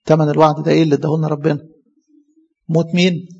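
A man with an Egyptian accent preaching a sermon. He asks his listeners questions, answers them himself, and quotes verses slowly and with weight. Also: fairly high pitch, level tone, vocal fry, a little mellow, slightly rough. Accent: Egyptian Arabic. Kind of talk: sermon on scripture. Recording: dull, echoey hall recording.

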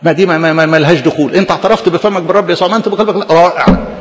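A man with an Egyptian accent preaching a sermon in an animated, conversational way, full of rhetorical questions. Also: a little high, rapid-fire, long reverb tail, muffled recording. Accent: Egyptian Arabic.

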